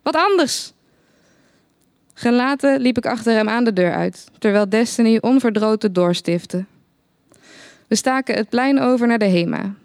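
Droog vertellende vrouwenstem. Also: female voice, mid-range voice, dry recording. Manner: dry, deadpan first-person narration. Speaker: narrator. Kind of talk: reading a satirical short story aloud.

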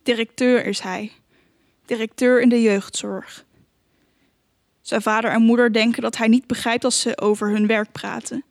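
A woman narrating an audiobook in a calm, measured, even reading voice. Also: a little high, no echo, clean studio sound. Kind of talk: scripted narration.

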